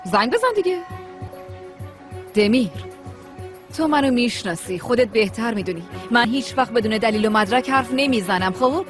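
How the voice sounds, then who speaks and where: A woman's voice: fairly high pitch, soft background music, natural voice. A woman dubbing a scheming woman in a TV drama who claims to be a child's mother, talking in a coaxing, insistent way. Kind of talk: dubbed TV drama.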